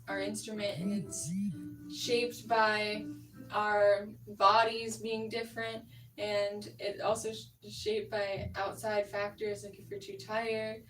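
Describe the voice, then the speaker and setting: A woman's voice: mid-range voice, little pitch movement, slow pace, fairly bright tone. A young adult woman, a vocal coach, patiently explaining singing technique with casual fillers. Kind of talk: singing lesson instruction. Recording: roomy, distant mic, faint music.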